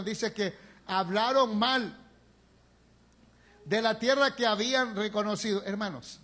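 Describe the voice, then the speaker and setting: A man preaching in a church with a rather high voice. He tells his story with passion, rising to loud pleas and dropping to near-whispered confession. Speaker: pastor. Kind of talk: sermon. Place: church sanctuary, live stream.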